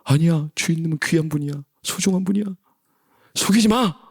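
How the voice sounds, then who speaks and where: A man's voice: a little high, brisk, slightly rough, no room sound, studio quality, pitched above the performer's own voice. A man voicing a tormented creature that argues with itself, in a hissing whisper, acted out during a sermon. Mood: pleading. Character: tormented creature muttering to himself, split mind.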